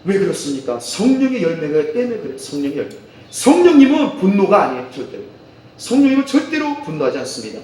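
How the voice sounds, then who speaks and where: A man's voice: high voice, huge pitch swings, fast talker, darkish tone. Pastor guy preaching, emphatic, says things twice, far from mic, huge church echo. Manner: emphatic, repeats key phrases. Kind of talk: sermon. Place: church sanctuary. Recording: very echoey hall, mic far off.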